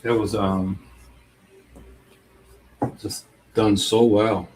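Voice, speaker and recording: Chatty middle-aged man, low voice. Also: little pitch movement, a little mellow, a little hiss or hum, rough recording. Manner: rambling, chatty, quick to laugh. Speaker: streaming host and artist. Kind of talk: casual live-stream chat.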